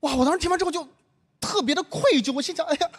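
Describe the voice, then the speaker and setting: A man's voice: very high-pitched, racing, very noisy. A young man from northern China doing a stand-up comedy set, telling a story and acting out the dialogue himself. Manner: storytelling, animated, acts out dialogue.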